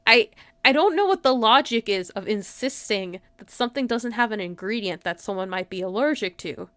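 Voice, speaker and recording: Talking to her viewers at a normal speed, a woman streamer uses an expressive, mid-range voice with a bit of brightness and no room sound. Her manner is giggly and informal, peppered with frequent "like."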